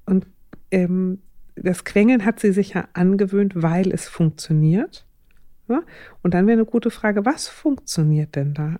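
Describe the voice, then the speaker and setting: A middle-aged woman in a relaxed podcast chat, sharing parenting advice in a mellow, dark voice. She talks thoughtfully and hesitantly, pausing on fillers as she works through her ideas. The sound is dry and close. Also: mid-range voice, no echo. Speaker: parenting advisor. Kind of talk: casual podcast conversation.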